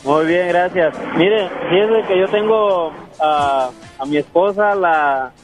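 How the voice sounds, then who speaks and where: A man calling in to ask a question, speaking haltingly and repeating words often. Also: high-pitched, music in the background. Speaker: caller. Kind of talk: phone-in question. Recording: dull phone line.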